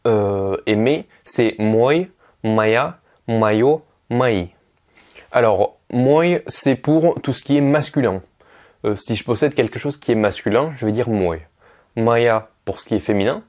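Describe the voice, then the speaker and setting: This man's medium-pitched, somewhat dark voice leads a relaxed Russian video lesson. He takes his time, stays patient, and fills the pauses often while spelling out words.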